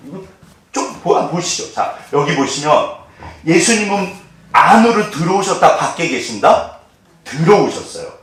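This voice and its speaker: A male pastor preaching a sermon, asking the congregation questions and answering them himself, acting out voices along the way. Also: fairly high pitch. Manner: animated, acts out quoted voices. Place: church sanctuary. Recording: very echoey hall, mic at a distance.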